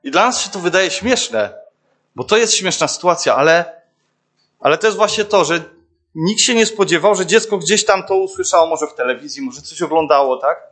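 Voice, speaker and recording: Young male preacher, slightly high voice, casual halting sermon full of fillers. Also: fairly bright tone. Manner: hesitant, many fillers and restarts, addresses listeners directly. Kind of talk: informal sermon.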